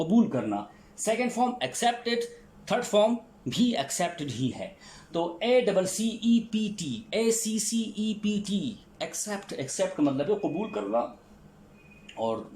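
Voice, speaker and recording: A man's voice: a little high, darkish tone. A man with a Pakistani accent teaching a recorded vocabulary lesson, spelling words letter by letter and checking in with "theek hai" after each one. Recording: echoey room.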